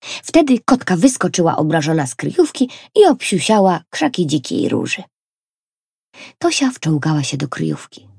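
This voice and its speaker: Storyteller woman, expressive children's reading, husky voice, dry close sound. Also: sits low, moderate pace, no echo. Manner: expressive, gentle.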